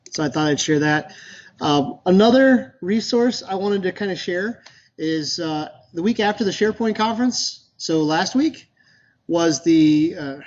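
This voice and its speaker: A man's voice: on the high side, lo-fi sound. A man giving a casual, loosely worded talk to a user group, full of fillers and restarts. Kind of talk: casual presentation to a meetup.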